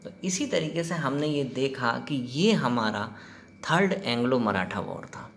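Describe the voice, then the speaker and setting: This male history teacher's exam-prep lecture is relaxed and conversational, switching between Hindi and English as he quizzes students and performs quoted exchanges. He has a medium, fairly bright voice with lively intonation, vocal fry, and a slightly slow pace, over faint background noise.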